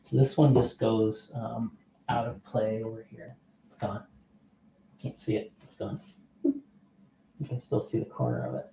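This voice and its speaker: A man's voice: lowish voice, steady tone, a little slow, creaky, long pauses, dark tone, a little hiss or hum. Easygoing man thinking aloud over a game. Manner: thinks aloud, reads card text, asks unseen viewers. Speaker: board game streamer. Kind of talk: casual play-through commentary. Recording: muffled, echoey room.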